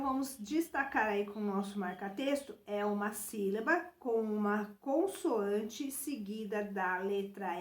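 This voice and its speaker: A woman teacher with a Brazilian accent guiding children through a workbook exercise, spelling out syllables and letters patiently and filling pauses with little check-ins. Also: fairly high pitch, roomy sound. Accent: Brazilian Portuguese. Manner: addresses children directly, many fillers like "né" and "então". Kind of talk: remote lesson walking through a workbook.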